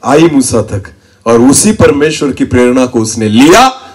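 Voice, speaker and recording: Animated preacher man, pitch leaping about. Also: unhurried, slightly rough. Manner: animated preaching with sudden shouts; quizzes the congregation, asks them to repeat answers. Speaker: pastor. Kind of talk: call-and-response sermon.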